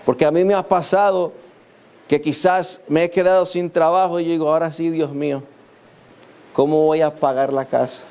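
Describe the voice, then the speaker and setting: Preacher guy, kinda high voice, acts out the bible story as he goes. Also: steady tone, moderate pace, a little mellow. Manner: storytelling, acting out the people of the scripture with quoted lines. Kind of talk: sermon. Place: church.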